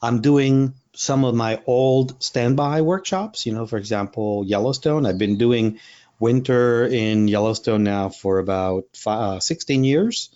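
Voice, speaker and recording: This wildlife photographer and workshop leader, a Spanish speaker from Puerto Rico, rambles through a casual interview with many fillers and restarts. His mid-range voice is unhurried and darkish in tone, and the sound is lo-fi.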